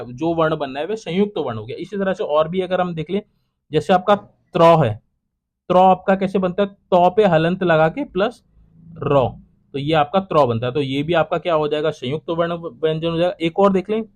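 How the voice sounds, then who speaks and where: A young man teaching exam prep, working through quiz questions one by one and repeating each answer, his voice trailing low at the end of each. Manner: repetitive, drops to a low trailing voice at each close. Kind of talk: solving quiz questions aloud.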